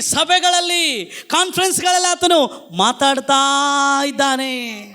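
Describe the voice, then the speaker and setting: High-pitched, fervent preacher. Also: male voice, sharp tone. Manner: emphatic, calls the congregation to repeat after him. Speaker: pastor. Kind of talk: Pentecostal-style sermon. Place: church service.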